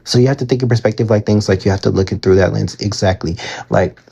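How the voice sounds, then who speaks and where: A man talks casually on a live stream, his low voice gravelly with fry. He reads viewer comments aloud and answers them in a loose, filler-heavy way, with a husky edge in his tone, speaking into a phone. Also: fast, warm tone, lo-fi sound. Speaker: manifestation coach answering viewer questions.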